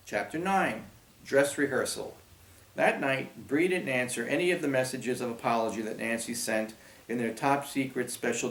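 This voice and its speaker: Gravelly man reading aloud. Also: mid-range voice. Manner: steady storytelling. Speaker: audiobook narrator. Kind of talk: scripted narration. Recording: roomy echo.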